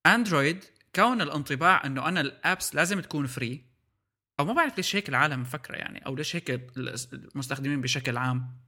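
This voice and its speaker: A man with a Levantine Arabic accent chats as a podcast co-host. He talks quickly in a very bright, forceful voice, slipping English words into casual explanations. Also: on the high side, expressive. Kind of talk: casual tech discussion.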